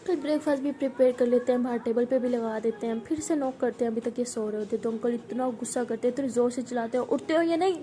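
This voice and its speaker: A woman's voice: fairly high pitch, fairly even intonation, quick pace, few pauses, warm tone. A woman casually telling a love story, chatty and acting out the dialogue.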